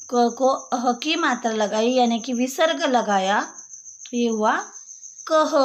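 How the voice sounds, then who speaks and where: A woman teacher talks a young class through a textbook page. She speaks slowly and patiently, repeating and explaining each word. Her voice sits high, and crickets chirp faintly behind her.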